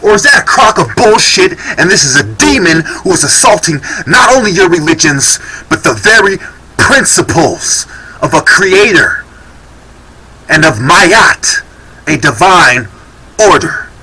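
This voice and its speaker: A man's voice: sits high, animated, a little slow, bright, forceful tone, slightly rough, recorded from a distance, rough recording. A man giving heated, sarcastic commentary on a video clip.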